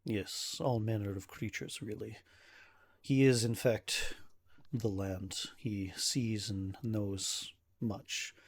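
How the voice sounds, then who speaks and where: A man voicing a stressed, tired young nobleman who speaks in a formal, halting, old-fashioned way. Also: on the low side, fairly even intonation. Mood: grim. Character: weary young nobleman, grieving son of a town leader.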